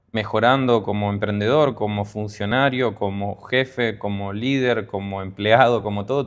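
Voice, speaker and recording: A man with a Rioplatense Spanish accent and a somewhat low voice tells his story as an interview guest. He talks casually, pausing often with fillers and restarting his phrases. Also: clean tone. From Peru. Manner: hesitant, many fillers and restarts. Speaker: guest entrepreneur.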